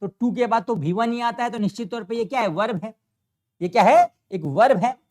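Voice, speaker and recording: A man's voice: very high voice, brisk, a little mellow. A man teaching English grammar in a classroom style, often asking a question and answering it himself. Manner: repetitive, asks and answers own questions. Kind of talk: classroom explanation.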